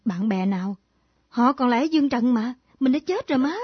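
A soft, coaxing young ghost daughter in a radio drama, with a husky, fairly high voice. The old recording is dull and close. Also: female voice, lively intonation, fairly quick, no room sound. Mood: soothing. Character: dead young daughter's ghost, gentle, soothing.

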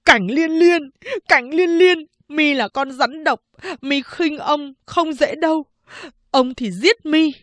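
A woman's voice: extremely high pitch, slow, no room sound, voice pushed up. A woman reading a storybook voices a despairing young man who sobs out his misery and then curses in rage. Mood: furious cursing. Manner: sobbing wails, then furious cursing.

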